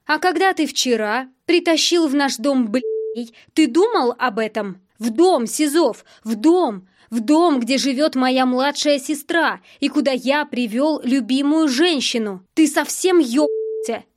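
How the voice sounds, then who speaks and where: A hot-tempered young man, read by a woman narrator, curt and swearing, hitting his words hard. The voice sits a little high for a man and stays loud and pushing throughout. It is audiobook character reading. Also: normal speed, hardly any pauses, lightly acted. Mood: furious. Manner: heated, emphatic shouting in bursts.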